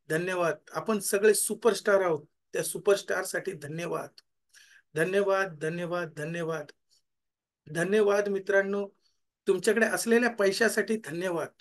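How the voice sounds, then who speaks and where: High-voiced man leading a gratitude meditation. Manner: repeats thanks softly, trailing off. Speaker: life coach.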